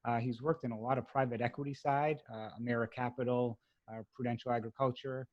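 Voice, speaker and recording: A man's voice: medium pitch, steady tone, fairly quick, no echo. Man, Boston accent, podcast host; chatty, rambling delivery, dry dull recording. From Massachusetts. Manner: chatty, rambling, many fillers. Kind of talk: casual interview.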